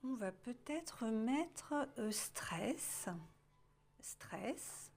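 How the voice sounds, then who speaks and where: A woman's voice: a little high, expressive, darkish tone, a little hiss or hum. A woman leading a self-help exercise, thinking aloud as she writes and often dropping to a murmur or whisper. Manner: slow, musing, often drops to a murmur or whisper while writing. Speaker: self-help workshop guide. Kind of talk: guided exercise, thinking aloud while writing. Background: classical music playing.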